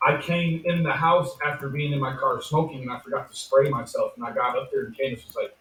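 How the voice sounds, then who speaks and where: A man's voice: mid-range voice, fairly even intonation, fairly quick, a bit bright. A man chatting casually as moderator, easygoing and affectionate, recorded from a distance in an echoey room. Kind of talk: casual discussion.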